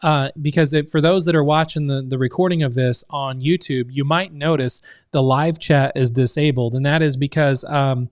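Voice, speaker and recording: His voice sounding strained and near breaking, a thirties-aged community founder hosts a relaxed home-office livestream, chatting with many fillers and reading chat aloud. He speaks at medium pitch, moderate pace and fairly even intonation with few pauses, a little mellow. The audio is dry and studio quality.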